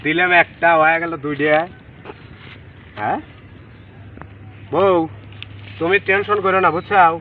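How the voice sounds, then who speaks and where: A man's voice: on the high side, unhurried, long pauses, far from the mic, phone-quality sound, a little hiss or hum. A man acting in a comedy skit, talking in a pleading, theatrical way.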